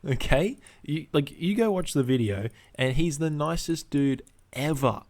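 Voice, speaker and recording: A man's voice: fairly high pitch, lively intonation, measured pace, a little mellow. A young man casually ranting as a podcast host, with laddish slang, heavy swearing and exasperated repetition for emphasis. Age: young adult.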